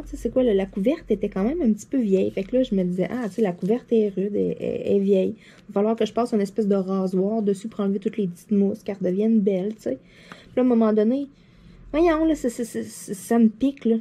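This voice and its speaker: A woman with a Québécois French accent, seated at her desk, telling anecdotes to her viewers in a chatty, animated way, full of fillers and laughter. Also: medium pitch, breathy edge. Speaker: vlogger. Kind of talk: casual anecdote storytelling to viewers.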